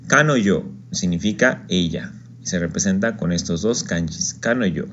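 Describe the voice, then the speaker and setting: A man's voice: low voice, a little slow, a bit bright, dull audio, slight background noise. A man teaching an online Japanese lesson, patiently explaining step by step and often checking in with "ok?".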